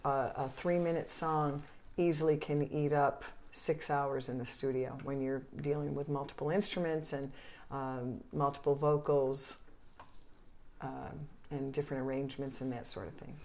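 Low-voiced woman guest, measured. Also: fairly even intonation, a little mellow. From southern Italy. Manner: measured, explanatory, with frequent fillers. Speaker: podcast guest, songwriter. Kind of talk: casual interview chat.

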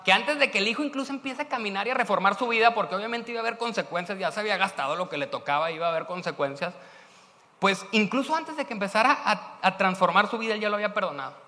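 A man's voice: high voice, animated, quick pace, pushed and bright. A man with a Mexican accent preaching a sermon in a casual, conversational way, often tagging questions. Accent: Mexican Spanish. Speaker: pastor. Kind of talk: sermon storytelling. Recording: echoey church hall.

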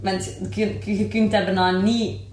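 A woman's voice: medium pitch, level tone, moderate pace, darkish tone, slight background noise. A woman with a Flemish accent chatting candidly and informally, with English exclamations mixed in. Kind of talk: casual, candid group chat. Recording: echoey room.

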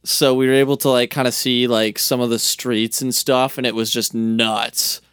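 A man's voice: medium pitch, flat delivery, moderate pace, fairly bright tone, clear, resonant tone, dry recording. A young man co-hosting a podcast in casual chat, enthusiastic and full of fillers. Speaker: podcast co-host.

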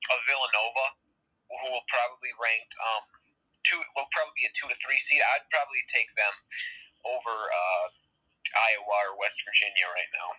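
A man's voice: mid-range voice, bright, forceful tone, low-quality recording. A man co-hosting a sports podcast, giving blunt, opinionated takes in casual chat. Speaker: podcast co-host.

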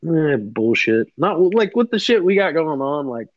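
A man's voice: fairly high pitch, big pitch swings, normal speed, dry recording, muffled recording. A man in his thirties co-hosting a podcast, chatting casually with loose, profane banter. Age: 30s. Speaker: podcast co-host. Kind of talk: casual chat.

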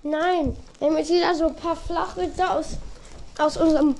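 A woman's voice: sits high, steady tone, normal speed, darkish tone. A young woman chatting casually and telling bad jokes as a podcast host, silly and easily breaking into giggles. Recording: clearly noisy amateur home recording.

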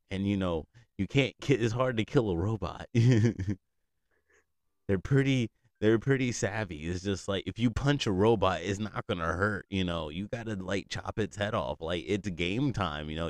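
A man's voice: sits low, dry recording, studio quality. A young man chatting casually with a friend, rambling, swearing freely and laughing often. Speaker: friend catching up. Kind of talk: casual chat.

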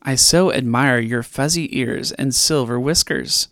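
Man reading as a soft-spoken unicorn, quiet and confiding, dry recording. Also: medium pitch, measured pace, no room sound. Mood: hushed. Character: gentle secretive male unicorn.

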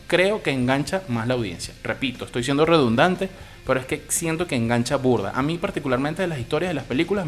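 A man with a Venezuelan Spanish accent giving a loose, opinionated film review, swearing casually as he talks. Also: medium pitch.

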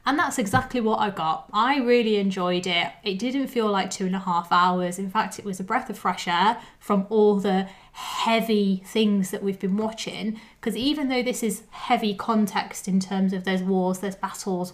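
A woman's voice: medium pitch, normal speed. A woman co-hosting a film podcast in casual chat. She talks emphatically and laughs easily. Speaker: podcast co-host.

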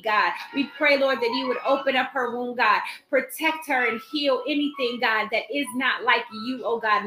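A woman leading a live prayer meeting, praying urgently over the sick in repeated, declarative invocations. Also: on the high side. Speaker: prayer leader and Bible teacher. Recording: roomy echo, faint music behind.

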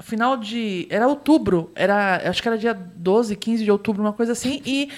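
A woman's voice: medium pitch, brisk. A young Brazilian woman telling a funny story in casual chat, dramatic and laughing often.

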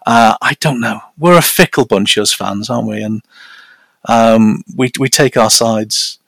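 A Northern English man with flat vowels talks as an interview guest. He tells anecdotes in a casual, self-deprecating way. The sound is dry and close, with little room around it. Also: medium pitch, measured pace, vocal fry, no echo. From north of England. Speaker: podcast guest.

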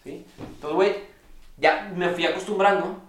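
A young man with a Mexican accent, telling a story as a guest in casual podcast chat, animated and full of slang. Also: high-pitched, normal speed, roomy sound, slight background noise. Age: young adult.

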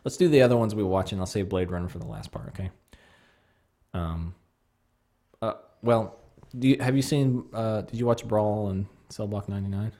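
A man's voice: fairly low pitch, normal speed, warm tone. Male podcast co-host, loose rambling movie chat, many restarts. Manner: rambling, restarts often, laughs mid-sentence.

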